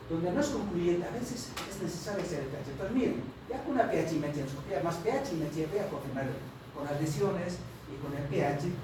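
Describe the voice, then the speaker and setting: A man giving a medical lecture to students, who keeps checking in with his class as he talks. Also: high-pitched. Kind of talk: university lecture. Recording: very echoey room, distant mic, noisy.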